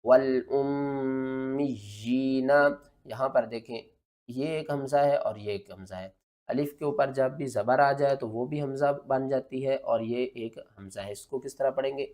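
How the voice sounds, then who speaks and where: Man teaching Quran recitation slowly. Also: medium pitch, darkish tone. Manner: spells letters and vowels slowly, then recites in a drawn-out chant; asks the viewer questions and answers them himself. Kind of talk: step-by-step recitation lesson.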